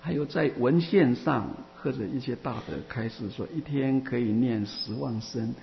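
A man teaching as a Buddhist teacher, answering questions in a Dharma talk and speaking haltingly with many restarts and drawn-out fillers. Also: medium pitch, gravelly. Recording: muffled, reverberant hall with faint hum.

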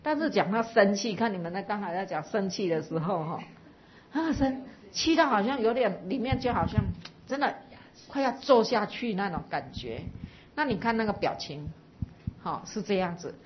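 A woman's voice: medium pitch, animated, normal speed, dull audio. A woman Buddhist teacher giving a dharma talk to a live audience, explaining patiently and asking listeners to reflect.

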